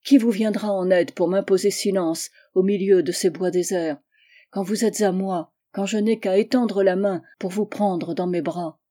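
A passionate young man, voiced by a woman narrator presses his feelings with forceful insistence. The tone stays mellow and warm. It is an audiobook reading of a novel. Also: mid-range voice, fairly even intonation, normal speed, close to an everyday voice. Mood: insistent.

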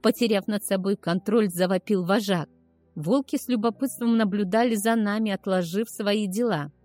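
A woman's voice: mid-range voice, normal speed, a little mellow, no room sound, faint music behind. Woman reading a story, dry and close. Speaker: audiobook narrator. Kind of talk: scripted first-person narration.

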